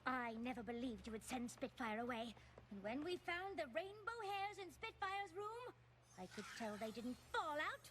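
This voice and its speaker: A woman's voice: sits high, very animated, moderate pace, a bit bright, slight background noise. A woman voicing a refined, confident cartoon pony sleuth with a precise, theatrical manner. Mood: confident, accusing. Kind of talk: animated series dialogue.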